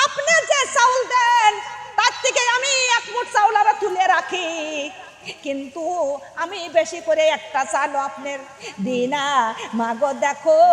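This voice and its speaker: A woman voicing a pious young wife in a religious story, speaking in an earnest, pleading way. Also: very high-pitched. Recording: echoey hall reverb.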